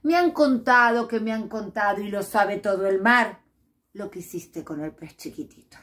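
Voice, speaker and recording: Woman as a wise old octopus, slow and knowing, lower voice, Rioplatense Spanish accent, storybook. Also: natural voice. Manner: slow, knowing, calm advice.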